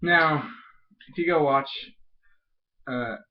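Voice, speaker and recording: A man's voice: fairly high pitch, slow, noisy background. A man chatting casually as a guest on a review video, talking with a lip full of dip. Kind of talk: casual chat. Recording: dull lo-fi home video audio.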